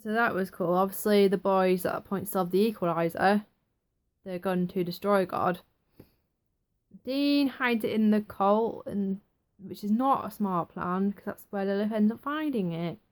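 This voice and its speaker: Young woman, casual reviewer, chatty and excitable. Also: mid-range voice, unhurried. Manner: chatty, excitable, acts out quotes. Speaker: TV episode reviewer.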